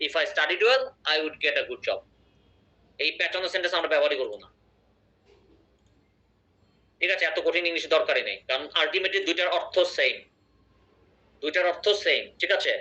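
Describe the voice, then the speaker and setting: Sharp-voiced teacher checking in. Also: male voice, on the high side, expressive, brisk, dull audio. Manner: explains patiently, often checks in with the class. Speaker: English teacher. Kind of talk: online class lecture.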